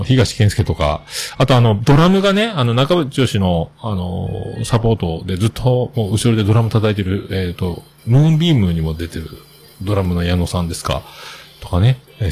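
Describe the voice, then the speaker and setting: A man's voice: lowish voice, vocal fry, darkish tone, a little hiss or hum. A man with a hosting a casual solo talk show, rambling and chatty with many fillers.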